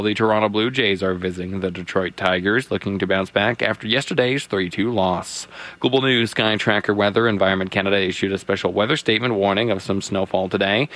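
Guy reading radio news and weather, lowish voice, steady. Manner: steady, even read. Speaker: radio newsreader.

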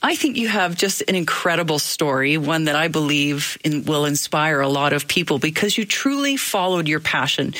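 A woman hosting a radio interview show, reading a polished, expressive introduction and then chatting with her guest. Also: low-pitched, moderate pace, hardly any pauses, dry recording. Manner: polished, expressive storytelling delivery. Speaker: radio talk show host.

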